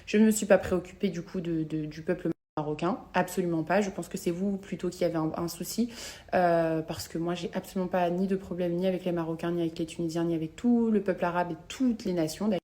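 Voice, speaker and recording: A young adult woman from an Algerian family vlogs for her followers on social media, talking casually and confessionally in slangy, emphatic speech and repeating words for stress. Her voice is fairly low and dark in tone, with fairly even intonation, and she talks fast.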